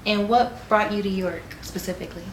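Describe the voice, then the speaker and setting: A woman's voice: mid-range voice, a little fast, slight background noise. Woman interviewer in an echoey room. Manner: brief, plain questions. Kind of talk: interview questions.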